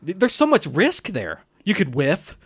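A man co-hosting a casual movie podcast, animatedly retelling scenes and agreeing quickly. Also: high-pitched, huge pitch swings, husky, no room sound, studio quality. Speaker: podcast co-host. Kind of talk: casual movie-review chat.

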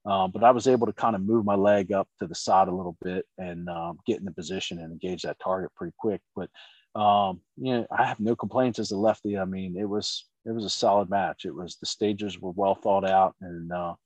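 A man's voice: low-pitched, steady tone, fairly quick, a little mellow, no room sound, dull audio. A middle-aged man from Maryland who shoots in competitions, chatting casually and rambling with lots of fillers. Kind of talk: casual chat.

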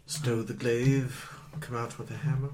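A man's voice: mid-range voice, little pitch movement, measured pace, darkish tone. A man taking part in a tabletop game as a player, chatting in casual banter.

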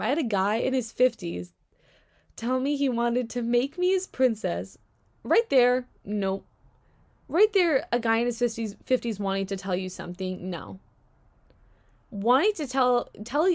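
A young woman hosting a solo podcast, ranting in a sarcastic, animated way with slang and bursts of laughter. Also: fairly high pitch. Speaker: podcast host. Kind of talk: casual solo podcast commentary.

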